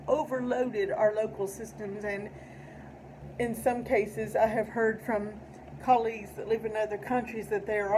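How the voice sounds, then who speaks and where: Middle-aged female vlogger, Appalachian accent, carefully enunciated casual talk, somewhat high, recorded at home with slight noise. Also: darkish tone, low-quality recording. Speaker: video channel host and poet. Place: indoor room at home.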